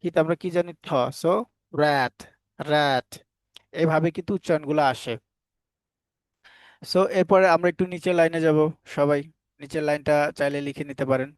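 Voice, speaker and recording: A man teaching phonics in a voice pitched a little high. He quizzes the class and answers himself, then spells each word out sound by sound. The sound is close and dry, with no room echo. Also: flat delivery, brisk, darkish tone. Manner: asks the class questions and answers them himself. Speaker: English teacher. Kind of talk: phonics lesson for Bengali learners.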